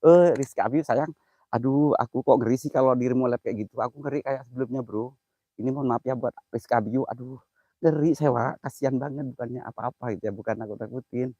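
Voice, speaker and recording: A man's voice: mid-range voice, quick pace, warm tone, no echo. A man hosting a night-time live stream, joking, laughing often and reading out viewer comments. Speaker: live-streaming mystery host. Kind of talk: live stream chat while exploring at night.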